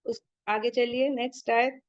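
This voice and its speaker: A woman teaching Quran recitation rules step by step, reciting each word slowly and quizzing her students on the rules. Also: on the high side, little pitch movement, dry recording, highs cut off. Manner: asks students questions and checks their answers. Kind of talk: tajweed lesson with recitation.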